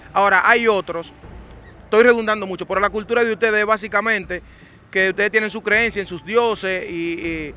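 A man's voice: sits high, pushed and bright, a little hiss or hum. A man interviewing women on the street for a documentary, asking direct questions with slangy asides. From Dominican Republic.

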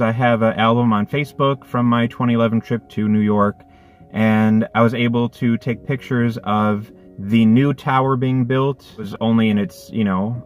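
Sitting in a parked car, a delivery driver in his thirties tells a story in a casual, reflective way, earnest and thoughtful but restarting often. His mid-range voice sounds dull, recorded on a phone camera mounted on the dashboard.

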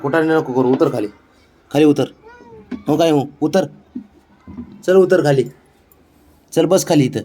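A man with a fairly high voice sweet-talks his cat in casual pet talk. He coaxes and cajoles in a cooing, affectionate way, half pleading and half teasing. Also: unhurried, long pauses, warm tone.

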